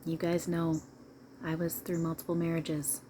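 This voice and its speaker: Low-voiced woman channeling as a seance medium. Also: completely flat delivery, normal speed, warm tone, a little hiss or hum. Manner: emphatic, repetitive, preachy counsel addressed to listeners. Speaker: trance medium channeling a spirit. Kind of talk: seance medium channeling, informal advice monologue.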